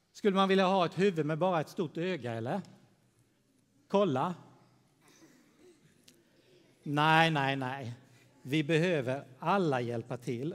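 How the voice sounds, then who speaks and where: Gentle pastor in a reverberant church. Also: male voice, on the high side. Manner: gentle, storytelling, addressing children. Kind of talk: children's sermon in church.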